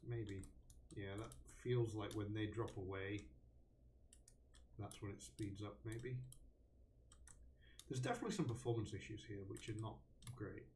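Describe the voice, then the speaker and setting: A man's voice: lowish voice, measured pace, pauses often, darkish tone, roomy sound, recorded from a distance, slight background noise. A man hosting a live stream, thinking aloud about a game with many ums and restarts. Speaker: host.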